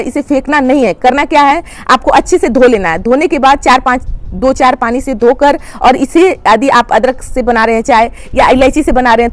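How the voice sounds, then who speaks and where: Woman, high voice, plain instructional host explaining garden care to viewers. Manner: plain step-by-step explaining, addresses viewers as friends. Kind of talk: instructional how-to talk.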